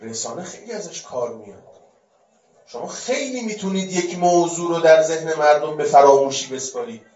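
High-voiced man preaching in an echoey hall. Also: animated. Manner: rhetorical questions, swinging between loud and hushed. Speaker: religious speaker. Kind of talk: religious lecture. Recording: distant, echoey, dull-sounding.

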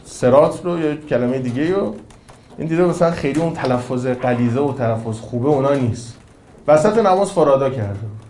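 A man giving an informal religious talk in a conversational, animated way, with rhetorical questions and jokes. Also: medium pitch, echoey room, slight background noise. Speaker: cleric lecturer.

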